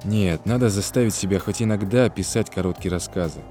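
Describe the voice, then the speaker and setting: A man voicing a lonely, quiet, reflective man in an audiobook. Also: lowish voice, brisk, soft background music, lightly acted. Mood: brooding.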